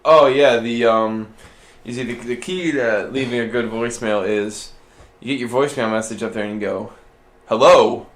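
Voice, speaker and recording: A man cracking wry jokes through a casual podcast chat. His pitch sits in the middle range. The sound rings with a roomy echo around him. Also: steady tone, normal speed. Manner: joking, wry quips. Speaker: podcast co-host.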